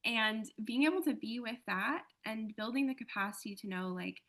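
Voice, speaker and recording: A woman speaking as an interview guest, reflective and earnest, pausing often as she thinks aloud. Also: fairly high pitch, a bit bright. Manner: earnest, thoughtful, many "um" and "like" pauses.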